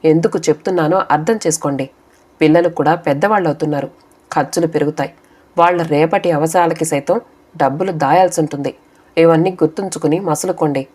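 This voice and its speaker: A woman's voice: sits low, brisk, darkish tone, breathy edge. A woman reading the part of a worried wife who reasons earnestly with her husband in an audiobook story. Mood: pleading.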